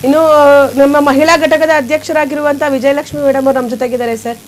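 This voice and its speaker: A woman news anchor, asking quick probing questions and humming along as others answer. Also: sits high, flat delivery, a little hiss or hum. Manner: quick probing questions, many soft hums. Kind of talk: TV news interview.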